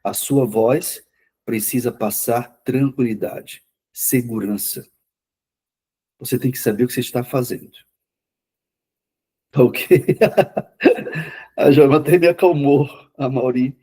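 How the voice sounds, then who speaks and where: Fast-talking man lecturing to a class. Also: medium pitch, mellow, husky. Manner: says himself he talks fast; conversational, repeats words for emphasis. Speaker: lecturer on mental health therapy.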